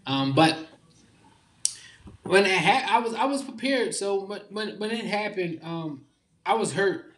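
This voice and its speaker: Here is a young man in a loose, heartfelt conversation, his voice sitting a bit high for a man. His talk is full of informal slang and halting restarts as he works his way through each thought. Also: animated, a bit bright. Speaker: guest.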